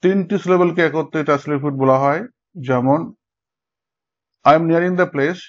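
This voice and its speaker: A man teaching a lesson, explaining step by step and pausing to check that his students follow. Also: fairly high pitch. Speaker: English teacher. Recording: dull lo-fi sound.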